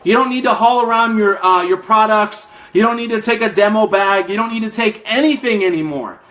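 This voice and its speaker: Man, young adult, high-pitched, emphatic motivational talk, slightly breathless, network marketing coach. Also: a little fast, a bit bright. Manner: fired-up, emphatic, repeats "okay?". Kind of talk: motivational live stream talk.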